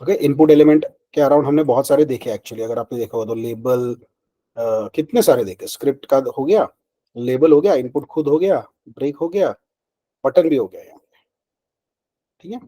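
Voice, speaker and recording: A man's voice: mid-range voice, moderate pace, dark tone, poor audio. A man teaching web development in a conversational way, asking questions and then answering them himself, with frequent check-in words. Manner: mixes Hindi and English, asks and answers his own questions; conversational, frequent fillers like "ठीक है" and "ना". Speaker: programming instructor. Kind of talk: screen-recorded coding lesson.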